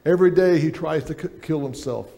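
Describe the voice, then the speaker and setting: A man's voice: a little high, brisk, vocal fry, dark tone. A middle-aged man preaching a sermon on a church stage, reading aloud from a book at a lectern.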